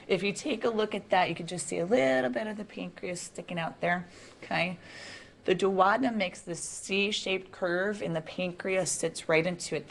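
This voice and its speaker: A woman giving a classroom lecture in a chatty, relaxed way, asking the students questions as she goes. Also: on the low side, creaky, slight background noise.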